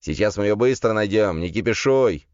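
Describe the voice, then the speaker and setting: Brief: brash defensive demon voiced by a male narrator, loud and indignant, dry studio sound. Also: on the low side, lively intonation, normal speed, dry recording, pitched above the performer's own voice, natural voice. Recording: slightly dull lo-fi sound.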